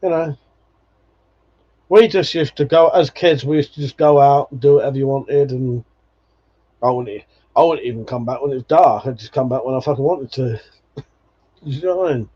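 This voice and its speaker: His voice is on the high side and a little mellow: a man in his forties hosting a live stream, reading viewer comments with frequent laughter, free swearing, and a casual, nostalgic feel. The stream audio sounds dull and lo-fi.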